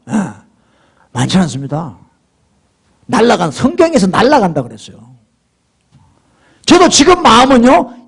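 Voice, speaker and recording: A middle-aged man preaching a sermon as pastor, swinging from hushed murmurs to loud, emphatic exhortation. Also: very high-pitched, slightly rough.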